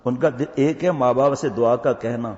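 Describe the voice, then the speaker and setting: Storytelling preacher in an echoey hall. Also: male voice, mid-range voice, darkish tone. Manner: tells a moral story, voicing each person in turn. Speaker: religious scholar giving a talk. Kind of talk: storytelling sermon. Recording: dull, echoey hall sound.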